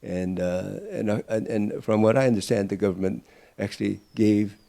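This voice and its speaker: Older man, from Peru, explaining history, gravelly mellow voice. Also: fairly low pitch, fairly even intonation, moderate pace. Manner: thoughtful, explanatory, with many fillers. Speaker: interviewee. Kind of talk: oral history interview.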